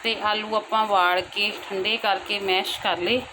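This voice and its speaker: A woman's voice: mid-range voice, fairly even intonation, measured pace, noisy background. A young woman and mother chatting casually to her viewers at home in a daily vlog, talking loosely in long run-on sentences. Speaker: family vlogger, mother. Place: at home, indoors.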